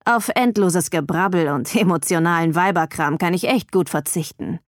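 A woman's voice: lowish voice, lively intonation, normal speed, no room sound, clean studio sound. Woman voicing a curt, dismissive young man. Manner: gruff, offhand and condescending. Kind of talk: audiobook character voice.

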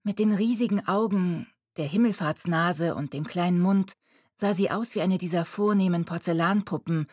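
A woman reads a children's novel in a calm, even storytelling voice. Her voice sits low and slightly husky. The recording is close and dry. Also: no room sound. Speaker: audiobook narrator. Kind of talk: scripted storybook narration.

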